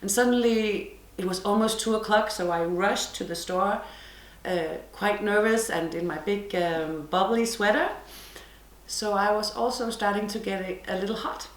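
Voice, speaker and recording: This podcast host, a Danish woman with a matching accent, talks casually to camera from her living room, chatty and quick to poke fun at herself. She has a medium-pitched voice at normal speed, captured with a roomy sound.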